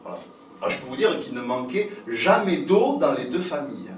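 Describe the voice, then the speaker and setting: Storyteller on a distant stage. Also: male voice, medium pitch, a little fast, a little hiss or hum. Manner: lively, playful, swings between loud and hushed. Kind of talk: theatrical storytelling for adults. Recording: roomy live recording from a distance.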